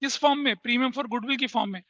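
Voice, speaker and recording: In dull audio with no echo, a fast-talking man with a very high-pitched, pushed, bright voice teaches accountancy to a class. His Indian accent comes through as he explains step by step, uses rhetorical questions, and mixes in English terms.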